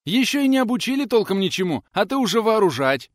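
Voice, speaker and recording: A flustered older male teacher protests in a voice pushed up high and strained, as a male narrator puts him on. His pitch leaps around as he objects, recorded dry and close. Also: very animated, quick pace, no room sound.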